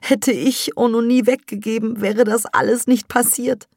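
A woman reading an audiobook, voicing a distraught middle-aged mother who pleads in a high, strained voice. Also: steady tone, normal speed, no echo, clean studio sound, close to an everyday voice. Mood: upset, pleading.

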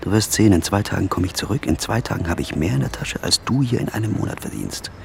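A male dubbing actor playing a brash young man and son who boasts in hushed tones and flares into shouting. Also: on the low side, expressive, quick pace, vocal fry, faint music behind. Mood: hushed boasting. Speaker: son and older brother.

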